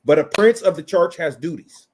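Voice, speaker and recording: A man's voice: a little high, animated, normal speed, darkish tone, a little hiss or hum. A man in his thirties delivering an impassioned opinion rant, blunt and profane, repeating phrases for emphasis.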